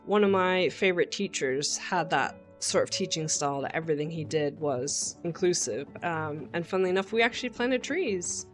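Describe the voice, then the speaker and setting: A woman's voice: on the low side, expressive, normal speed, hardly any pauses. Chatty young woman streaming a cozy game. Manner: chatty, easily charmed, light laughs. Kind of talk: casual gameplay chat, reading game dialogue aloud. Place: home streaming setup. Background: faint game music.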